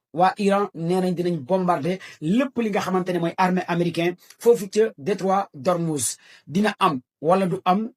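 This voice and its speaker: A man with a Senegalese accent giving breaking news commentary, repeating key phrases for emphasis. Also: high-pitched.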